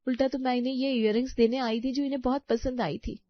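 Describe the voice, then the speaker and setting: A gentle, patient young daughter-in-law, voiced by a woman in a cartoon story, speaking politely and pleading her case. The sound is dry and close, slightly dull. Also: high-pitched, steady tone, fast, dry recording, lightly acted. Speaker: voice actor.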